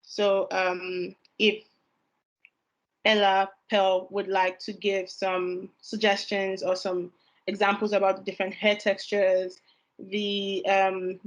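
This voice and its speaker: A young woman in her twenties hosting a panel podcast, asking questions slowly and carefully. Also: medium pitch, dull audio. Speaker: podcast host.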